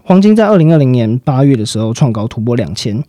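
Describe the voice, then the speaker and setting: Fast-talking man analyzing markets. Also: mid-range voice, sing-song, dark tone, no echo. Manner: fast explanatory, frequent fillers and sentence-final particles. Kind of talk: financial commentary chat.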